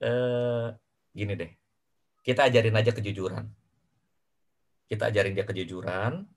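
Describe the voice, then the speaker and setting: A man coaching a parents' group in a lively question-and-answer session, emphatic and repeating his key phrases, dropping English phrases into his talk. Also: fairly low pitch, normal speed.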